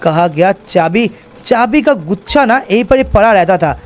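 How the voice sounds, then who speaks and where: A man's voice: high-pitched, lively intonation, normal speed. A man narrating a game role-play in a chatty way, talking straight to his viewers. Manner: chatty, addresses viewers, repeats fillers. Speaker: gaming YouTuber narrating as Franklin.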